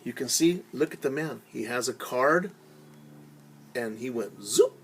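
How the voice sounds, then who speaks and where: A man in the role of a children's teacher tells a story with theatrical flair, explaining words plainly and acting out sounds along the way. He speaks at a medium pitch, animated and husky.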